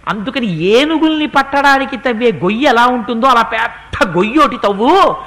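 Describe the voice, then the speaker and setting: A man voicing a calm young heroic prince who gives steady instructions to his brother. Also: extremely high pitch, moderate pace, in a large hall, exaggerated voice. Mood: commanding.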